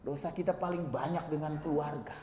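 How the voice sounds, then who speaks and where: A man's voice: on the high side, brisk, warm tone, slight background noise. A man preaching a sermon in a mosque, talking colloquially and addressing his listeners directly. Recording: echoey mosque hall.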